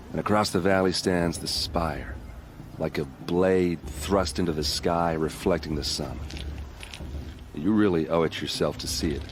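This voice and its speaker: This is acted cutscene dialogue from a video game: a deep-voiced, friendly warrior who talks plainly with a wry edge. Proud and inviting, he boasts in a folksy way about his people while faint ambient noise hums behind him.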